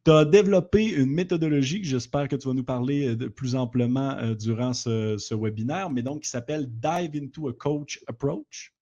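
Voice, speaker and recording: A man's voice: mid-range voice, a little fast, hardly any pauses, dark tone. A man hosting a webinar interview, speaking with many fillers and restarts over a video call. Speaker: webinar host and company president. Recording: slightly dull lo-fi audio.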